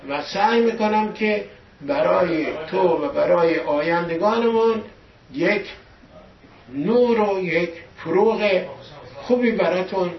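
A man's voice: sits high, pitched above the performer's own voice. A man telling a story and voicing an earnest ten-year-old boy comforting his mother, his voice raised and pleading. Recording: echoey room from a distant dull mic.

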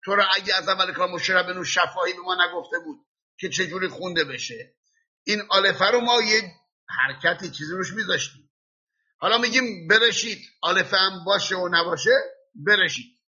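Male religious teacher, bright and husky, patient step-by-step explainer, dull lo-fi recording. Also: high voice. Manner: explains slowly, spelling out letters and sounds by example. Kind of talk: classroom lesson.

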